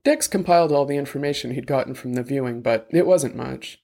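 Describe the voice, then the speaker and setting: A man reading a novel chapter aloud as narrator, in steady, wry storytelling. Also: mid-range voice, brisk, gravelly. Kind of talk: scripted audiobook narration.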